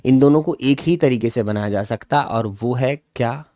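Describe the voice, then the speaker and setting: A man teaching English grammar in an explanatory lesson. He keeps checking that his listeners follow, calls them child, and repeats example sentences slowly. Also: mid-range voice, dark tone, no room sound, clean studio sound.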